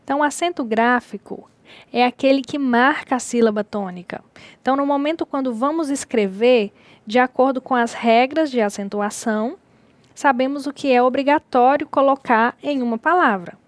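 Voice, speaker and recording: A woman teacher delivers a recorded distance-learning lesson, her voice sitting a little high. She explains step by step and repeats the key words. The sound is close and dry with no room around it. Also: moderate pace, no room sound.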